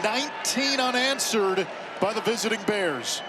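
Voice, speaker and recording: A man doing live college football play-by-play, making excited, emphatic touchdown calls with drawn-out words. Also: high-pitched. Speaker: play-by-play announcer. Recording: loud stadium crowd noise behind voice. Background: roaring stadium crowd.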